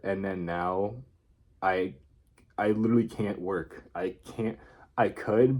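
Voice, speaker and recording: A man talking casually in an unscripted video diary, rambling and hesitant as he thinks aloud. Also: low voice. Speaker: vlogger.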